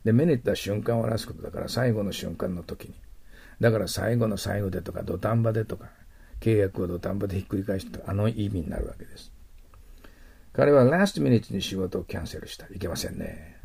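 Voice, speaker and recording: A middle-aged man teaching TOEIC English vocabulary, explaining words and slowly modeling their English pronunciation. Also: fairly low pitch, vocal fry, dark tone, slightly rough.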